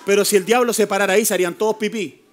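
Fiery high-pitched pastor. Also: male voice, fairly even intonation, rapid-fire. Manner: fiery, playful preaching with mocking put-on voices. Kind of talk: sermon.

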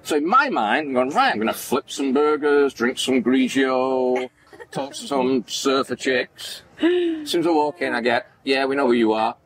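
A man's voice: mid-range voice, normal speed, a crowd in the background, poor audio. A man in his forties with a Manchester accent, a podcast guest telling stories animatedly and acting out the voices in them. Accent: Manchester English. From Manchester, England. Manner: animated, acts out quoted dialogue, gestures widely. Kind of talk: casual storytelling interview. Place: indoor event backdrop at a farmers market.

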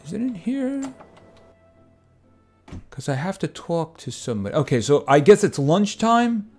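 A man's voice: high voice, sing-song, measured pace, darkish tone. A man streaming a farming game, chatting casually and making wry asides. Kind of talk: casual gameplay commentary. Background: game music.

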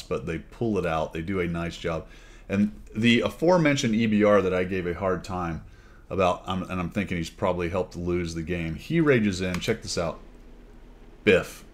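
A man casually commenting over his own gameplay footage, chatty and wry, breaking into exclamations and laughs at good plays. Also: sits low. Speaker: gaming channel host.

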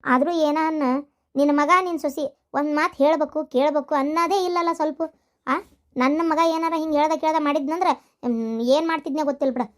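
A woman voicing a scolding mother-in-law in a cartoon, with a North Karnataka accent and a sharp, nagging way of talking. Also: sits high, steady tone, fast, close to an everyday voice. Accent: North Karnataka Kannada.

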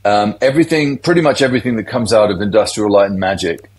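A man's voice: lowish voice, lively intonation, fast, poor audio. A middle-aged man, a tech industry guest, explaining things in a loose, conversational interview.

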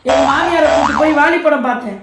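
A woman's voice: high voice, fast, reverberant, very noisy, close to an everyday voice. A woman playing a dramatic middle-aged aunty who wails and repeats her complaints in a comedy sketch. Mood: lamenting. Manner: wailing, repetitive laments.

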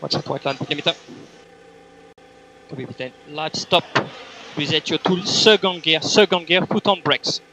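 A man's voice: fairly high pitch, moderate pace, long pauses, noisy background. A man working as race engineer, giving terse, repetitive, clipped instructions over race car team radio. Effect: team radio transmission.

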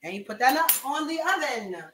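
High-pitched and animated, a young woman talks a little fast with a somewhat bright voice while cooking live for viewers in her home kitchen. She keeps it casual and slangy, moving around as she chats. Her webcam-style mic sits at arm's length or farther, so the sound is reverberant with slight background noise.

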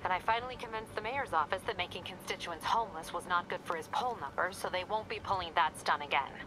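A no-nonsense police captain in a video game, played by a woman, lower-pitched and steady. She gives updates plainly and firmly. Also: fast, music in the background, natural voice, poor audio. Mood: businesslike. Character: tough female police captain, brisk. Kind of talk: game cutscene acting.

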